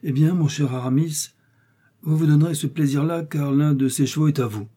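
A man's voice: on the high side, fairly quick, warm tone, pitched above the performer's own voice, close to an everyday voice. A man voicing D'Artagnan, a bold, teasing young male musketeer, in a read French novel. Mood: assured.

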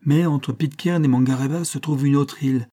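A man's voice: mid-range voice, fairly even intonation, moderate pace, dark tone, voice pushed up, lightly acted. A man voicing a tired ship captain who speaks firmly. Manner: firm, commanding.

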